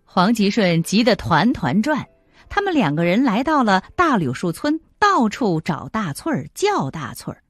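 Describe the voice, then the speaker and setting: A woman narrating an audiobook drama with steady storytelling. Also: medium pitch, moderate pace, no room sound, soft background music.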